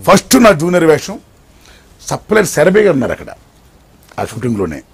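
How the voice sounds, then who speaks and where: An older man as an interview guest, telling his life story in an animated way, swinging between loud excitement and hushed tones. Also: a little high, brisk, gravelly, breathy edge.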